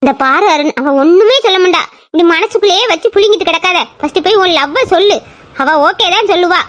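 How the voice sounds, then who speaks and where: Brief: woman as a bossy, nosy girlfriend, squeaky and rapid, audio drama. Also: a bit bright. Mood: urging. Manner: urging, bossy, fast-talking. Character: pushy, nosy young woman friend. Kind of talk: amateur audio drama acting.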